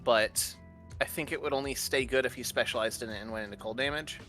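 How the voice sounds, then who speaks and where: A man playing a game with friends, talking in a relaxed, rambling way. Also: medium pitch, quick pace, soft background music. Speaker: co-player. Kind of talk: casual gameplay chat.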